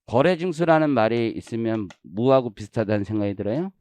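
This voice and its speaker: A man in his forties giving an exam-prep tax law lecture, blunt and animated, slipping into casual speech and the odd swear word. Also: mid-range voice, brisk, no room sound.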